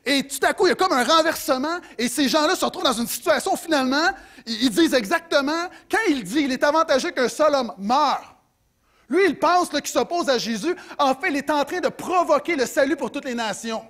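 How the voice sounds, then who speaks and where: A middle-aged man with a Quebec French accent preaching a sermon as pastor, animated, swinging between loud emphasis and soft asides. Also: very high-pitched, brisk.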